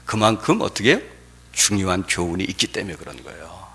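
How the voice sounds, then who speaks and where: Husky-voiced pastor preaching a sermon. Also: male voice, sits low, very animated, brisk, bright, forceful tone. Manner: storytelling with emphatic rises, filler "어".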